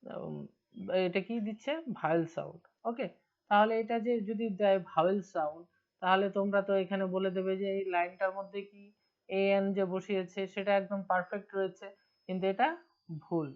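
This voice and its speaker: A woman's voice: mid-range voice, steady tone, fairly quick. A woman with a Bengali accent teaching English grammar in an online lesson, asking her students questions and answering them herself. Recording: dull lo-fi recording.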